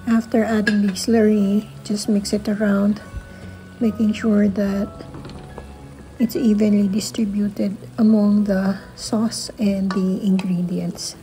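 A woman's voice: mid-range voice, level tone, slow, warm tone, faint music behind, poor audio. A middle-aged woman with a Filipino accent, walking through a recipe step by step in her home kitchen, slipping Tagalog asides into her English. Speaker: cooking vlogger. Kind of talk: casual cooking narration.

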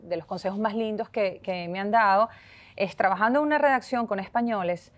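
A woman hosting an interview, asking questions with animated enthusiasm. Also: mid-range voice, brisk. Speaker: interview host. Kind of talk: conversational interview.

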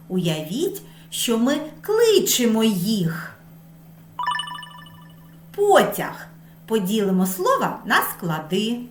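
Female preschool teacher, slow, sing-song and lively, echoey room with light music behind. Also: fairly high pitch, slight background noise. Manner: sing-song, stretching words to show stress. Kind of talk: slow lesson for small children.

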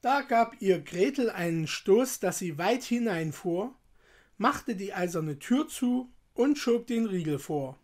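A woman reading a fairy tale aloud in a calm, measured storytelling voice. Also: mid-range voice.

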